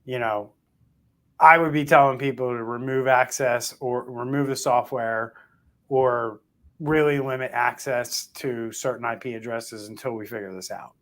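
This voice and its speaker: Male podcast host, mid-pitched, conversational, animated, restarts a lot. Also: measured pace. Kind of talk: casual cybersecurity discussion.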